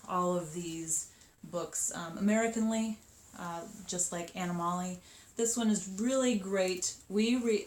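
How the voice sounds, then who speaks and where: A chatty woman in her thirties with a slightly low voice runs through children's books in an upbeat, rambling way, full of ums. She is recorded in a roomy, echoey space with a faint hiss behind her. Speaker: children's book seller. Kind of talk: casual book showcase. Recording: echoey room with faint noise.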